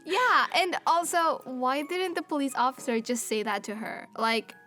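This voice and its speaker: A woman's voice: sits high, normal speed, pushed and bright, soft background music. A woman co-hosting an episode review in casual chat, mostly agreeing with short, giggly replies.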